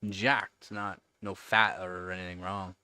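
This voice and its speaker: Low-pitched and a little slow, this thirtysomething host's voice barely moves in pitch, yet it sounds bright, forceful, clear and resonant with no echo. He rambles casually on his livestream, answering viewers with plenty of fillers and repeated words.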